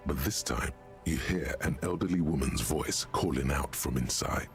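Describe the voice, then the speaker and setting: A man voicing the omniscient narrator of a video game in a deep, gravelly voice, giving scripted narration. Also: moderate pace. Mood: brooding. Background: game music.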